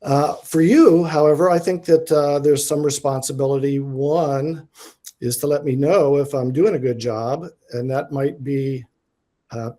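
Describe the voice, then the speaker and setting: A diatom researcher gives an informal academic presentation as a guest lecturer. His voice is medium-pitched and dark with fairly even intonation. He's enthusiastic and tries to speak slowly and deliberately, yet his speech is full of fillers and restarts.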